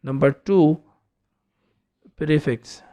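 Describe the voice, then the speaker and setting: A man's voice: fairly high pitch, drawn-out words, warm tone. A man teaching an organic chemistry lesson, explaining step by step and often checking in with his students. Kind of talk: classroom lecture.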